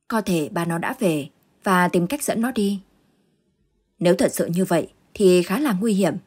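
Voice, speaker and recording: Low-voiced woman telling a ghost story. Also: slightly rough. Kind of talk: scripted ghost story narration. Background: soft background music.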